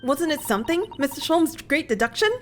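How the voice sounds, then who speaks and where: A woman voicing a grand, self-assured male detective who talks in a pompous, deliberate way. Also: high voice, expressive, slight background noise, voice pushed up.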